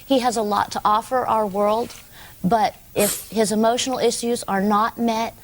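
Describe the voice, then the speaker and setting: A woman's voice: a little high, steady tone, normal speed, low-quality recording. An earnest woman speaks politely and respectfully as she pleads her side in a courtroom. Faint noise sits in the background. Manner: earnest, deferential. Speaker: defendant.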